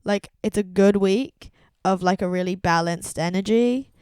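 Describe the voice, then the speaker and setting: A young woman co-hosting a podcast, telling animated stories in casual chat, full of "like"s and restarts. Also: medium pitch, moderate pace, clean tone, no room sound. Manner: chatty, many "like"s and restarts, animated storytelling. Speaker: podcast co-host.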